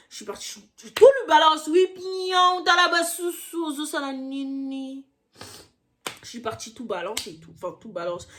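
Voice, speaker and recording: A young woman telling a personal story in a casual, slangy way, getting heated and throwing in quick asides. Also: mid-range voice, a bit bright.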